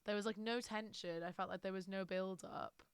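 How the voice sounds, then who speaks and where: A woman's voice: mid-range voice, fairly even intonation, normal speed, smooth, no room sound. A British woman streaming, chatting casually and rambling through a book review with lots of fillers.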